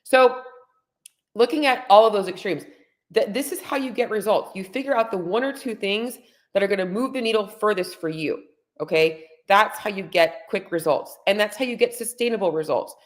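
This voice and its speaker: A woman in her forties coaching diet and fitness on a livestream, blunt and emphatic, with an over-caffeinated high energy. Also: moderate pace. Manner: blunt, salty-tongued. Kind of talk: casual motivational livestream talk to viewers. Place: room at home.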